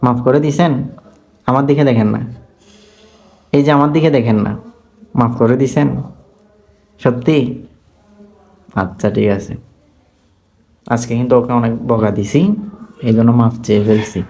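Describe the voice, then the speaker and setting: A man, a Quran tutor gently scolding and coaxing his student on camera, asking question after question. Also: medium pitch, steady tone, moderate pace, long pauses.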